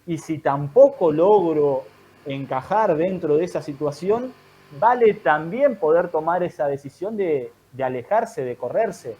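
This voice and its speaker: A man, a guest in an online talk, giving calm, thoughtful advice in measured explanatory phrases. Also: a little high, dull audio, a little hiss or hum. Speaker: guest speaker.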